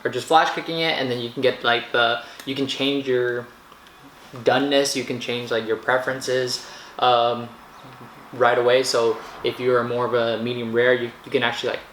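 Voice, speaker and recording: Man, casual food vlogger, medium pitch, halting and rambling delivery, echoey room, faint background noise. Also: little pitch movement, fairly bright tone. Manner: rambling, halting, searches for words. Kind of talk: casual vlog narration to camera.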